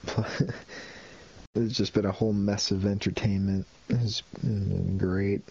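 Podcast co-host, male, low husky voice, dull lo-fi mic, dry wit. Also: flat delivery, takes it slowly, mellow, a little hiss or hum. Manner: wry, jokey banter. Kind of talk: casual chat.

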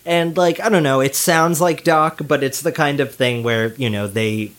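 A man's voice: on the high side, steady tone, moderate pace, fairly bright tone. A man co-hosting a podcast in casual chat, laid-back, laughing often and swearing now and then. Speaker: podcast co-host.

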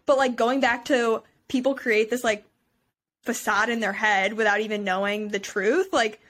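A young woman chats casually on a podcast, rambling from thought to thought and filling gaps with "like". Her voice sits a bit high. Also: fairly even intonation, moderate pace, fairly bright tone. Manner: rambling, heavy use of "like". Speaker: podcast co-host. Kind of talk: casual chat.

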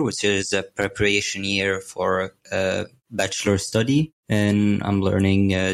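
A young man from Syria answers interview questions in a low, flat, gravelly voice. He speaks hesitantly, with many fillers. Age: young adult. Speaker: podcast guest.

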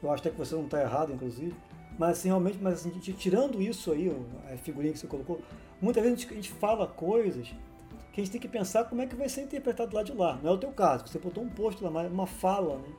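Fast-talking woman, mellow tone. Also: lowish voice, expressive, faint music behind. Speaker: panelist. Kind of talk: casual discussion.

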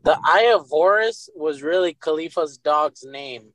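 A man's voice: a little high, lively intonation, measured pace, a bit bright, no echo, poor audio. A man in a casual chat over a video call, spinning absurd jokes. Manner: joking, absurd riffs.

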